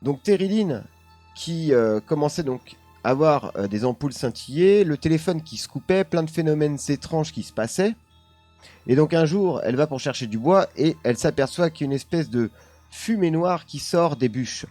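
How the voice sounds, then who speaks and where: A man's voice: a little high, lively intonation, moderate pace, dark tone, soft background music. A man streaming live, casually telling a paranormal story while chatting with his viewers, laughing often and leaning on the same filler words.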